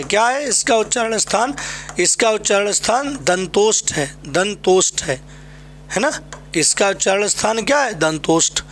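A man's voice: high-pitched, a bit bright, a little hiss or hum. A male teacher from Uttar Pradesh giving an exam-prep Hindi lesson, drilling students by asking a question and then answering it himself.

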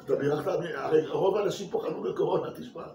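A man, a rabbi, giving a lively Torah class to his congregation, asking rhetorical questions and repeating words for emphasis. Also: fairly high pitch, slight background noise. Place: synagogue hall. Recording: echoey room from a distance.

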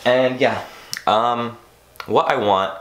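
A teenage boy vlogging casually, rambling with lots of "like" fillers and self-mockery, a bit hoarse. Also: mid-range voice, slow, a bit bright. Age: teens. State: losing his voice. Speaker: YouTuber. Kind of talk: casual vlog monologue.

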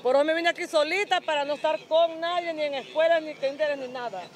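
A woman's voice: high-pitched, fairly even intonation, brisk. A woman in her thirties with a Honduran accent, speaking insistently to a reporter under a tarp shelter. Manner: insistent, pleading. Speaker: interviewee. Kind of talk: emotional street interview. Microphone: handheld mic.

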